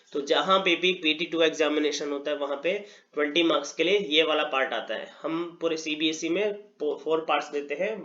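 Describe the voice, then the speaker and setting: A tired man with a fairly high voice teaches Sanskrit, explaining answers step by step and switching between Hindi and English. His throat sounds worn. The recording is dull and lo-fi. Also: a bit bright. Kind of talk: exam answer walkthrough.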